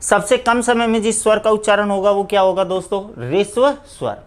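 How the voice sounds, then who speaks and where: A man's voice: sits high, fairly even intonation, fairly quick, smooth. Man teaching a live grammar class. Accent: Rajasthani Hindi. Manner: asks questions then answers them himself; repeats "दोस्तों" often.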